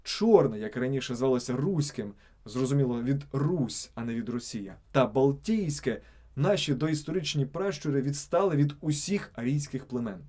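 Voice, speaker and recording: A man's voice: mid-range voice, animated, normal speed, warm tone. A man reading scripted narration for a video channel, stressing each example word on its own.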